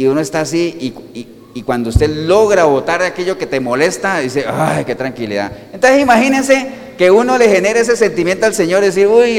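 A male pastor preaching a sermon, animated, asking the congregation rhetorical questions and answering them himself. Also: fairly high pitch, big-room sound.

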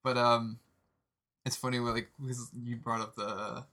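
A man's voice: medium pitch, little pitch movement, unhurried, sharp tone. A man co-hosting a podcast, chatting casually in a laid-back, rambling way with lots of fillers. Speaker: podcast co-host. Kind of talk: casual chat.

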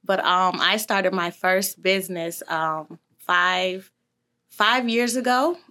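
Chatty thirty-something woman, bright voice. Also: fairly low pitch, slow pace. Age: 30s. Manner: chatty and upbeat, with many "um"s and "like"s. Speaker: gym owner and trainer, guest. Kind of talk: casual interview.

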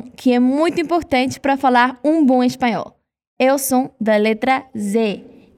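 In a scripted Spanish pronunciation lesson, a high-voiced Brazilian woman pronounces example words slowly for students to repeat after her.

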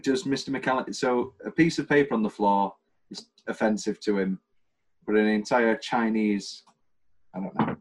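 A man's voice: lowish voice, normal speed, poor audio. A British man hosting a casual film podcast, rambling and jokey as he runs through favourite scenes. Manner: rambling, jokey, quotes scenes in funny voices. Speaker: podcast host.

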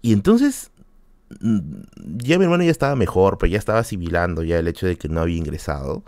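A young man with a fairly low voice tells a family story in a relaxed, casual way. His pitch swings widely, leaping high whenever he acts out what someone said. The sound is dry and close, with no room around it. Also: quick pace, no room sound. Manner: animated, jumps high when quoting people, repeats words, laughs often. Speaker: podcast host.

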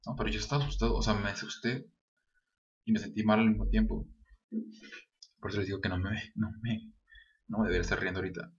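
A man's voice: lowish voice, fairly even intonation, fast talker, long pauses. A young man with a Mexican accent, earnestly telling a personal anecdote straight to his viewers. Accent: Mexican Spanish. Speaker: vlogger. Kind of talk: casual storytelling to camera. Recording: dull lo-fi sound.

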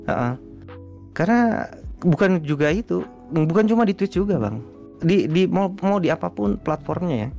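A man, a guest streamer, chatting casually in an interview, relaxed and rambling with lots of fillers. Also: high-pitched, moderate pace, gravelly, soft background music.

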